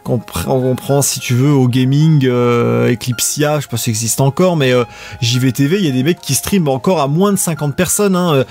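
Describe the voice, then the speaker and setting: A man casually chatting with viewers as he hosts a live stream of old adventure games, rambling in a relaxed way. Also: mid-range voice, a little fast, faint music behind.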